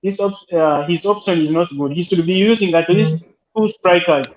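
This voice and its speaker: A man's voice: high voice, normal speed. A man calling in to a live fan stream, chatting casually and hesitantly about football, with his voice echoing back through a second device. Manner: hesitant, many filler sounds. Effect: echoey audio fed back through a second device. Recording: roomy, dull, lo-fi line with faint noise.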